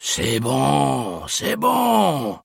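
A man voicing a grumpy, cold old male intruder who mutters gruffly and stays unbothered under threat. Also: medium pitch, wildly swooping pitch, very slow, no echo, clean studio sound, pitched above the performer's own voice, full character voice. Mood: dismissive.

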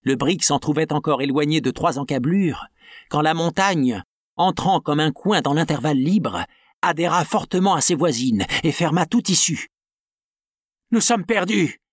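Male audiobook narrator, dramatic and steady, slightly high voice, dry close sound. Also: moderate pace, dry recording. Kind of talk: scripted narration of an adventure novel.

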